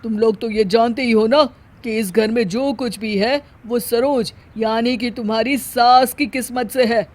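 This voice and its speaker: A woman voicing a pampered, scheming older mother-in-law who scolds and commands, for an animated story. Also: fairly high pitch, unhurried, hardly any pauses. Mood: smug.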